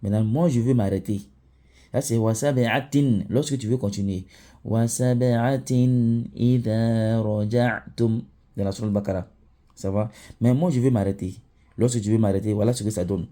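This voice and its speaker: A man teaching Quran recitation, chanting example words slowly and often checking in with the listener. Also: fairly low pitch, dark tone. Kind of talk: teaching lesson.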